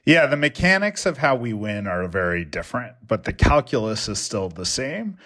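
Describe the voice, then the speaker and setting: A man who organizes young voters, giving earnest, energetic answers in an interview. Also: mid-range voice, moderate pace.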